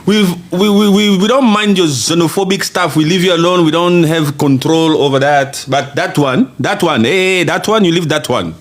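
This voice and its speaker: A man's voice: a little high, normal speed, few pauses. A man hosting a podcast, chatting casually and reading viewer comments aloud, emphatic and laughing often. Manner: animated and emphatic, laughs often, repeats phrases for effect. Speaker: podcast host.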